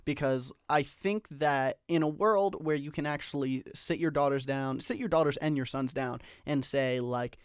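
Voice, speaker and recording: A man's voice: a little high, normal speed, few pauses, smooth, no room sound. Man, podcast co-host, opinionated, casual, dry close sound. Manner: reflective, opinionated, lots of "like". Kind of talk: casual chat.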